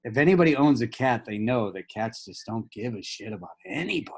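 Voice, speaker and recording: A man's voice: mid-range voice, quick pace, vocal fry, husky. A man hosting a casual show for actors, joking and swearing freely as he tells stories. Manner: joking, profane, animated. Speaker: host. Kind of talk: casual chat.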